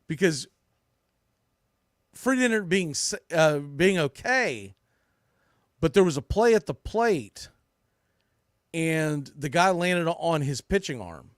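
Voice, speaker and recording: On his sports podcast, this host talks informally and punches his opinions hard, like casual sports commentary. His fairly high voice swings widely in pitch at a slow pace with long pauses, recorded close and dry.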